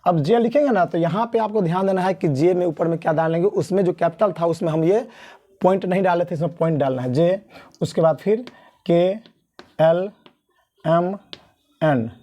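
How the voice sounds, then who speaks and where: A male teacher from Mithila gives a beginners' lesson at a board. His voice is mellow and dark, and he speaks slowly and deliberately, drawing out each letter and repeating key points. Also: high voice. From Mithila region of India. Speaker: English teacher.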